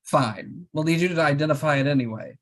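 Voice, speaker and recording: This is a man doing a blunt police officer who speaks in a flat, businesslike way. His voice sits slightly high. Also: fairly quick, lightly acted. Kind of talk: amateur script read.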